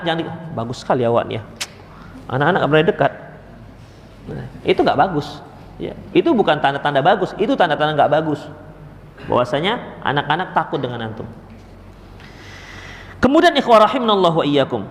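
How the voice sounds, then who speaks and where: A male preacher with a high, lively voice that swings widely as he acts out little scenes from family life. His sermon rings through a large, echoey hall with a long reverb tail. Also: slight background noise. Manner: animated storytelling, acts out family members in quoted voices.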